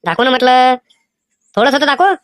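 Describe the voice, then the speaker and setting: A woman's voice: sits high, animated, normal speed, slight background noise. A woman voicing a cheeky schoolboy trying to cheat on an exam, pleading and whining in a Vidarbha Marathi accent. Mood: mischievous. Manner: whiny, pleading, mischievous. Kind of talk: animated cartoon voice acting.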